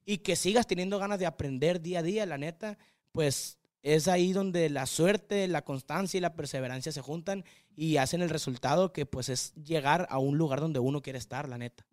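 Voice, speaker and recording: A young man with a thick Sinaloan accent rambles energetically as a podcast guest, his voice sitting fairly high. The sound is dry and close, with no room around it. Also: dry recording. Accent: northwestern Mexican, Sinaloa. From Mazatlán, Mexico. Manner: energetic, hyperactive, rapid rambling talk. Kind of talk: casual chat.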